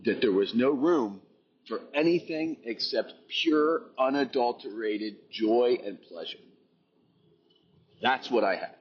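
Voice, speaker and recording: A man's voice: medium pitch, slow pace, muffled recording, a little hiss or hum. A man earnestly recounting a personal experience, intense and reflective, repeating phrases for emphasis.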